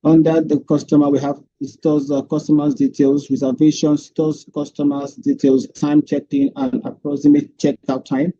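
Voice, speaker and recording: A man presenting his capstone project over an online meeting, heard through screen-recorded call audio, walking through his slides with frequent hesitant pauses. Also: on the high side, muffled recording, a little hiss or hum. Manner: steady walkthrough with frequent hesitant "um"s. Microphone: computer or headset mic on a video call.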